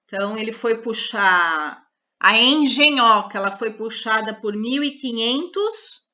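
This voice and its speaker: Lady teacher going over syllables real slow, bright voice, kinda dull lo-fi sound. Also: fairly high pitch, lively intonation. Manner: spells out syllables slowly and repeats each word. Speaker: third-grade Portuguese teacher. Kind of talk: slow, careful classroom lesson. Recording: dull lo-fi recorded lesson.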